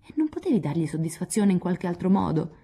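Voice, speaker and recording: A woman's voice: lowish voice, fast talker, gravelly, husky, pitched above the performer's own voice, heavily acted. Woman playing a spirited coaxing young woman. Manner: coaxing, lively.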